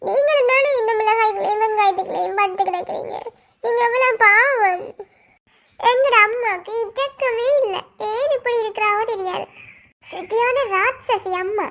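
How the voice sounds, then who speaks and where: A woman with a Sri Lankan Tamil accent voicing a caring little girl who pleads eagerly in a shrill voice in a cartoon. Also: a little fast, vocal fry, a bit bright, full character voice. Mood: upset.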